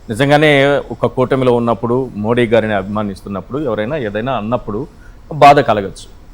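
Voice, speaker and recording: A man anchoring a TV news panel, putting calm prompting questions to a guest. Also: medium pitch. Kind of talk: TV panel moderation.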